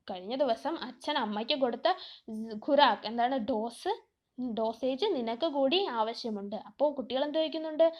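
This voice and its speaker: High-voiced woman teacher quizzing herself. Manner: asks questions and answers them herself; reads slowly, then explains line by line. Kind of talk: classroom lesson explaining a play. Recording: dull lo-fi recording.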